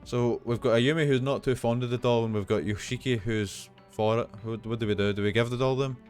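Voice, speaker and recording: A man, chatting casually and swearing as he plays a horror game and reads its text aloud. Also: mid-range voice. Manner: swears freely, reads text in a slow monotone. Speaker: streamer playing a horror game. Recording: dull lo-fi stream audio with faint game music.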